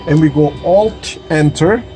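A man with a slightly high voice chats his way through a flight simulator startup, addressing viewers as he goes. He is recorded on a phone in his home cockpit room. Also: a little slow, warm tone, soft background music. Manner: chatty, addresses viewers directly. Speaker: flight sim hobbyist host. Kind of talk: casual tutorial walkthrough. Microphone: phone camera held or mounted nearby.

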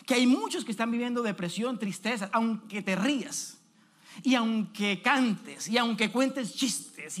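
A man's voice: high voice, a bit bright. A man preaching a sermon as an evangelist in a church, speaking emphatically and asking the congregation direct questions.

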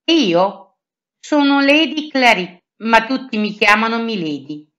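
A woman doing a scheming, high-pitched noble lady. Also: expressive, unhurried, fairly bright tone, dull audio. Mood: sweet. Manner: sweet then shrill and angry. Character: scheming noble English lady, cruel and proud.

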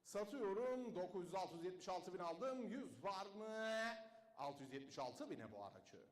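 A man working as a car auctioneer, rattling off bid after bid in a rapid chant and dropping his voice low each time he names the standing price. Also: animated, echoey room. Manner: rattles off bids in a fast chant, drops low to call the price.

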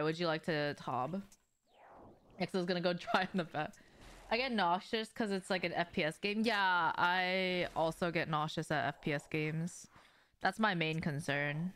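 Her voice is low-pitched, smooth, and fairly bright. She's a young adult game streamer chatting casually with viewers during play, slangy, informal, and given to swearing, from a small shelved room indoors at home.

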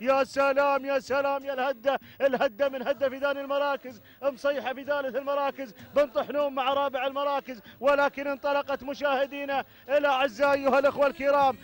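A man calling a camel race live, chanting rapid, breathless repetitions of phrases. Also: extremely high pitch, level tone.

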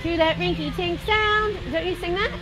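Woman, from Philadelphia, high-pitched, cheerful, excitable, family vlog, outdoor playground. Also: normal speed. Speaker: mother filming a family outing. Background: music playing.

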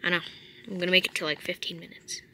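A woman's voice: on the low side, flat delivery, fast, pushed and bright, slight background noise. A teenage girl playing a block-building game, chatting and teasing her sister in a casual way. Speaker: channel owner playing a game. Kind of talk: casual gameplay chat.

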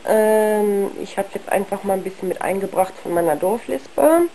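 A young woman talking frankly and haltingly in a casual video monologue, ill with flu, her worn, husky voice giving out. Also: mid-range voice, warm tone, slight background noise. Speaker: video blogger. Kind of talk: casual personal monologue to camera.

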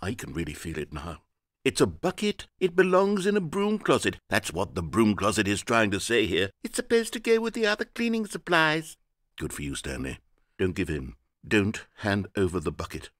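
The Narrator, a sardonic storyteller. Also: male voice, on the low side, wildly swooping pitch, moderate pace, fairly bright tone, no room sound. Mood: mock dramatic. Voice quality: dry, mocking delivery. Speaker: game narrator. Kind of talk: scripted video game narration.

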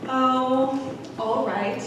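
A woman's voice: high-pitched, fairly even intonation, drawn-out words, slight background noise. A teenage actress playing a sarcastic, guilt-tripping, overbearing mother in a school musical. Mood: melodramatic. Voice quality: sarcastic, melodramatic. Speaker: stage actor. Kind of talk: high school musical stage acting. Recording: echoey auditorium from far off.

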